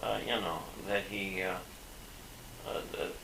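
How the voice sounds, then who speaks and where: An older man, a father, reminiscing haltingly with many fillers and restarts, on an old VHS home video recording. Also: low-pitched, fairly even intonation, gravelly. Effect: old VHS home video sound. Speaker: father being interviewed. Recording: echoey, distant, hissy VHS tape.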